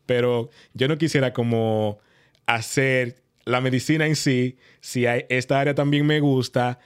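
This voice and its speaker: A man's voice: mid-range voice, fairly even intonation, measured pace, smooth. A man from the Dominican Republic with a Dominican Spanish accent, explaining things conversationally through examples. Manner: explanatory, builds points with examples. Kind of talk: conversational discussion.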